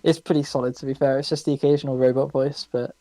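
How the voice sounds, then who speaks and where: A man co-hosting a casual podcast chat over a voice call, talking quickly and chattily. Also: medium pitch, flat delivery, mellow, no echo, soft background music, low-quality recording. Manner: quick, chatty, laughs easily. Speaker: podcast co-host. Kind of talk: casual chat about a board game.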